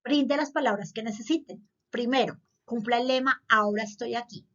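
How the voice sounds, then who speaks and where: A woman's voice: fairly high pitch, moderate pace, fairly bright tone. A woman school counselor gives an earnest, explanatory talk to parents, repeating points for emphasis. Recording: slightly dull lo-fi audio.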